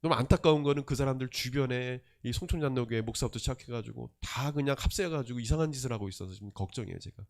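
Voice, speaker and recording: A male pastor preaching a sermon, emphatic, with rhetorical questions and swings between loud and soft. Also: medium pitch, quick pace, creaky, few pauses.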